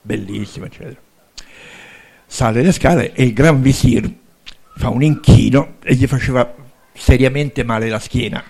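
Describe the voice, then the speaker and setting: An older man narrating fairy tales aloud to listeners, lively and conversational. His voice sits at an ordinary middle pitch. He keeps breaking in with little fillers as the story rolls on. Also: normal speed, gravelly, long pauses. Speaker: author and storyteller. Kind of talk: live storytelling to an audience.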